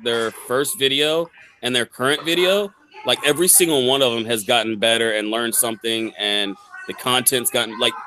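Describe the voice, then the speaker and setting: A man's voice: mid-range voice, bright, forceful tone, slight background noise. Man, earnest youtuber, rambling casual talk, video call. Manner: earnest, rambling, self-conscious. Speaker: YouTuber guest on a panel. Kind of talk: casual chat.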